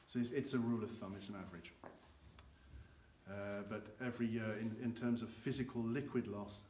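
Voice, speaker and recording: An older guide in a large, dim barrel warehouse with an earthen floor explains how cognac ages, gesturing with both hands. His lowish voice is mellow and steady, and his pace is brisk. A camera positioned a few meters away records him, and the space sounds echoey with faint noise.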